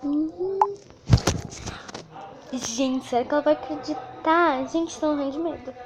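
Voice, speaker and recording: A woman's voice: high voice, unhurried, heavy background noise. A woman from Brazil vlogging casually, chatting straight to her viewers with lots of fillers while pranking a friend.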